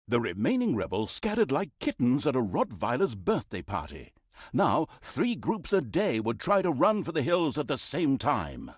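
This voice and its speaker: In a fantasy game, a man voices a wry, pompous storyteller narrator who mocks villains and heroes alike, delivering theatrical comic storybook narration with grandiose sarcasm. His voice sits fairly high and is a little mellow. The recording is studio quality with no room sound.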